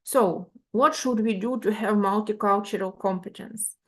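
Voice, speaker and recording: Woman lecturing with halting, filler-laden delivery. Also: mid-range voice. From Ukraine. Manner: halting, with many fillers and restarts; checks in with listeners by asking "yeah?". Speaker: university lecturer. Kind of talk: online lecture.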